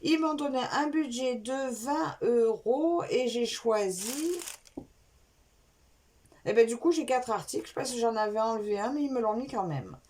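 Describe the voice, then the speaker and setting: A woman's voice: on the high side, lively intonation, unhurried, a little mellow. A woman chatting casually through an unboxing of craft supplies for her vlog. She wanders between topics and corrects herself as she goes. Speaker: craft vlogger.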